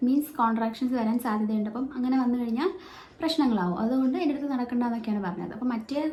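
A woman's voice: a little high, racing, dark tone. A woman with a Malayali accent telling a personal story in a casual vlog, chatty and full of fillers, recorded without a microphone. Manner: chatty, explains with many fillers and restarts. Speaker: vlogger. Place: at home with her baby nearby. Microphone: no microphone, phone or camera mic. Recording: echoey room, faint background noise.

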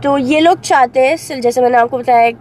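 A young Pakistani woman vlogs casually, holding her phone camera at arm's length as she tells her story from a car and a salon, with noisy street and car sounds behind her. Her voice sits high and a little mellow, and she talks fast.

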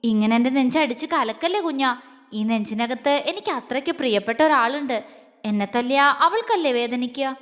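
Woman doing a playful young guy sweet-talking in an audio romance, high voice, echoey. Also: animated, normal speed. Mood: teasing, tender. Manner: teasing, soft and coaxing. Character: young man, teasing and tender lover. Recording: long reverb.

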